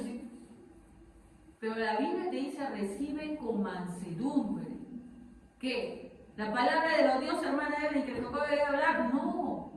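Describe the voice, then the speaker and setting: A woman preaching a sermon, lively, asking the congregation rhetorical questions. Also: high voice, slight background noise. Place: church hall. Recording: echoey hall, from far off.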